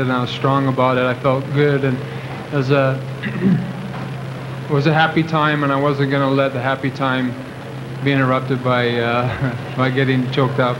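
Young man rambling at a post-game press table. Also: mid-range voice. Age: 20s. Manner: rambling, with many fillers and restarts. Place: press conference room. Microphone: table microphones at the podium. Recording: noisy old video recording.

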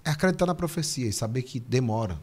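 A man, a missionary guest on a podcast, telling stories in a lively, repetitive, acted-out way. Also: mid-range voice, quick pace, husky. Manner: vivid storyteller, repeats himself, acts out scenes. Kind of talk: casual storytelling interview.

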